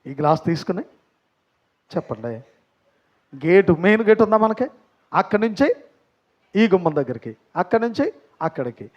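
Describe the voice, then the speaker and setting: A man's voice: high-pitched, very animated, normal speed, long pauses, darkish tone, muffled recording. A man preaching a sermon as pastor, telling a story and putting questions to the congregation. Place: church.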